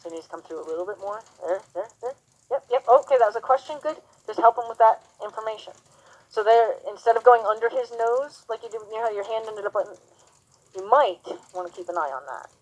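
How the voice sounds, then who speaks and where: A woman teaching horsemanship, talking softly and soothingly to a horse while coaching a student. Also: fairly high pitch, quick pace, poor audio. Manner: soothing and gentle. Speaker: horsemanship instructor. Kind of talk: hands-on coaching lesson.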